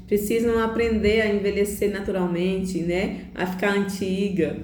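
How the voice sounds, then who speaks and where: A middle-aged woman hosting a reflective monologue, unhurried, with soft laughs and frequent tag questions. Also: mid-range voice. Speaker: host. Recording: echoey room.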